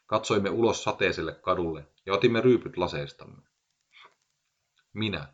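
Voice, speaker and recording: A man with a very low voice narrates a short story in a dry, measured, deadpan manner. The recording is muffled and lo-fi, with little brightness at the top. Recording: dull lo-fi recording.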